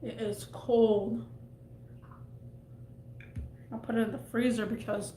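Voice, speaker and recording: A woman's voice: fairly high pitch, fairly even intonation, slow pace, warm tone. A woman live streaming from her desk at home, chatting in a rambling, casual way and trailing off mid-thought. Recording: echoey room with faint background noise.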